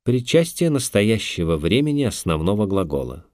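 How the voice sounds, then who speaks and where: A man narrating a language lesson in a measured, instructive way, recorded on a close studio mic. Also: fairly low pitch, sing-song, a little mellow, dry recording.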